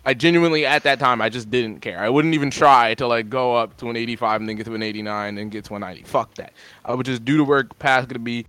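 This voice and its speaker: A young man chatting casually and crudely, telling stories with loud retold arguments. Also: mid-range voice, quick pace, few pauses, clean tone, no echo. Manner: crude, joking, loud when retelling arguments. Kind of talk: casual chat.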